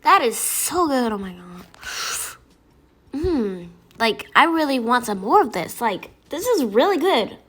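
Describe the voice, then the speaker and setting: A woman doing a casual food-review voiceover, excitable and gushing over the food, with music behind her. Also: fairly high pitch, a little slow, breathy edge.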